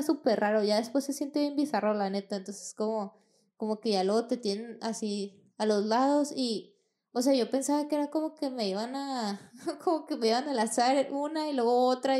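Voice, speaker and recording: A young woman with a Mexican accent and a mellow, mid-range voice hosts a podcast, telling a personal story in casual, slangy, profane chat. She acts out the dialogue as she goes.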